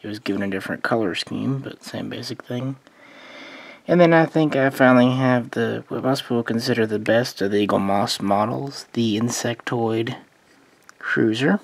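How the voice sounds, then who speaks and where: A man giving a relaxed, meandering spoken overview of his collection of model starships, thinking aloud as he goes. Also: mid-range voice, normal speed, gravelly, no echo. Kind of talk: casual hobby overview.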